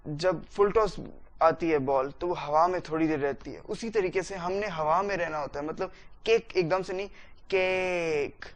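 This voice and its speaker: A man with a Pakistani accent teaching a recorded spoken-English lecture, stretching out words to show the stress. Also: a little high. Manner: drawn-out, exaggerated word demonstrations.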